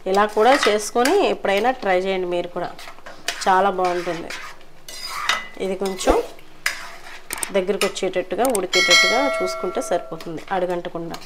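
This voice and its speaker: A woman's voice: lowish voice, steady tone, brisk, pauses often, background noise. A woman casually narrating a home cooking vlog, chatting politely to her viewers as she cooks. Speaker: cooking vlogger. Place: home kitchen.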